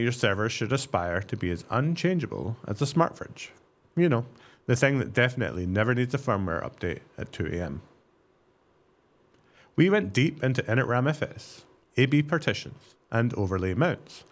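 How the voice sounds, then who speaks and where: A man co-hosting a tech podcast. He moves from a scripted intro with sarcastic jokes into casual interview questions. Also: mid-range voice. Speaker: podcast co-host.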